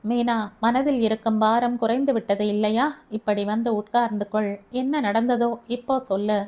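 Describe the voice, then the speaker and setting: Caring young man, gentle and coaxing, read by a woman narrator in an audio story, voice on the high side. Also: steady tone, normal speed, close to an everyday voice. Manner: soft, coaxing.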